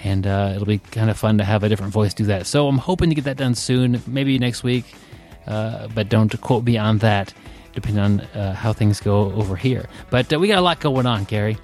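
A man's voice: on the low side, fairly quick, a little mellow, soft background music. Rambling male podcast host. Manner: rambling, many fillers and restarts. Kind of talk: casual podcast chat.

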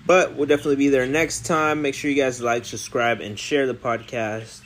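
A man's voice: medium pitch, little pitch movement, fairly quick, fairly bright tone, a little hiss or hum. A man hosting a podcast, giving a casual, informal announcement to listeners. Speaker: podcast host.

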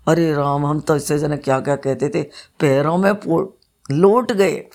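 Woman storyteller, low voice, plain homely telling of religious folk tales. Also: unhurried, darkish tone.

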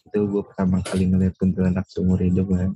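A young man, telling stories in a casual podcast chat with halting restarts. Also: low voice, completely flat delivery, dark tone, husky, muffled recording, soft background music.

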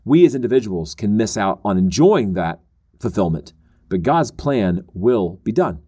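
A man's voice: fairly low pitch, very animated, moderate pace, warm tone. A man teaching scripture on a podcast, explaining earnestly and acting out quoted voices. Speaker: Bible teacher.

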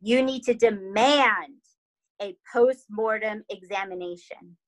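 A young adult woman casually telling a true crime story, animated and dramatic, peppering her talk with "like" and "right?". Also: medium pitch, slow pace, low-quality recording.

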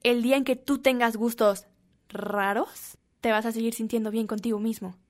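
A woman's voice: a little high, steady tone, normal speed. A young woman with a Mexican accent, talking casually and encouragingly to her viewers in a playful, slangy way. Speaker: vlogger. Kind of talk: casual self-help talk to camera.

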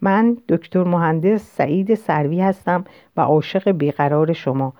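A woman's voice: fairly low pitch, lightly acted. A woman reading a novel aloud, voicing a playful, charming young man who teases in a theatrical way. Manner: teasing, theatrical. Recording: dull lo-fi recording.

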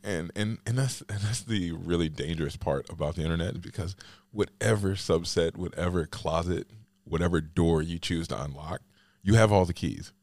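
Man, podcast host, very deep voice, dry close sound, rambling casual chat. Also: moderate pace, a little mellow, dry recording. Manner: rambling, heavy use of "like" fillers.

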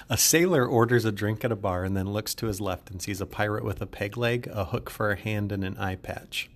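A man's voice: lowish voice, normal speed, a little hiss or hum. A male podcast host speaking in an upbeat, chatty solo monologue and joking with his listeners.

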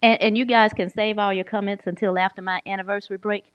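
A woman's voice: mid-range voice, fairly even intonation, fast talker, clean tone, muffled recording. A woman, joking offhandedly as co-host in a casual chat. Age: 40s. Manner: joking, offhand, laughs easily.

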